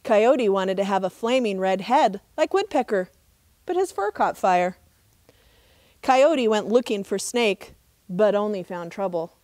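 A middle-aged woman, a park ranger, reading a trickster tale as expressive, measured storybook narration outdoors. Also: medium pitch, dry recording, clean studio sound. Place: outdoors in open desert.

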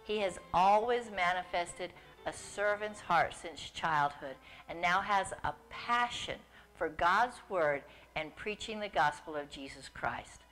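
An older woman giving a gentle, sincere scripted endorsement. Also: fairly low pitch, animated, unhurried, faint music behind, low-quality recording.

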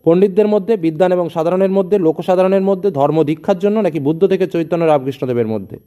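High-voiced male tutor, mellow tone. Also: fast, clean tone, highs cut off. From West Bengal, India. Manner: reads options then gives answers, addresses students directly. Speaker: exam tutor. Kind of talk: exam question-and-answer lesson.

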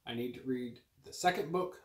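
A young adult man co-hosting a home book vlog chats casually about books in a medium-pitched, fairly quick voice. He's in a small room at home with bookshelves, and the camera's distance gives the sound a roomy echo.

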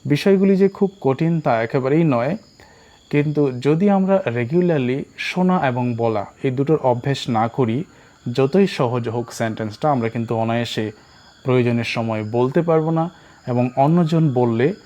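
A man with a Bengali accent teaching spoken English, repeating each English phrase slowly and deliberately. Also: mid-range voice, dark tone, lo-fi sound.

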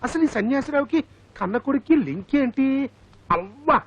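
Playing a hot-headed, middle-aged father searching for his son in a comedy, this actor uses a very high, husky, exaggerated voice with lively intonation at normal speed. He blusters, sounds indignant, and erupts in loud outbursts. Faint music plays beneath slightly muffled film sound.

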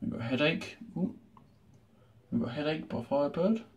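A man's voice: fairly high pitch, moderate pace. A man hosting a retro gaming video, chatting casually through an unboxing with dry, sarcastic asides from a small room at home. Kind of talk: casual show-and-tell unboxing. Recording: noticeable background noise.

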